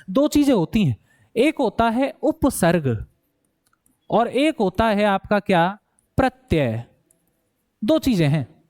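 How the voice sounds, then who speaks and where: A man coaching students for a Hindi exam, calling them "bhai" and slowly repeating words to show how they are pronounced. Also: extremely high pitch, a little mellow, no room sound, clean studio sound. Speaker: exam prep teacher. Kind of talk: explaining Hindi grammar for an exam.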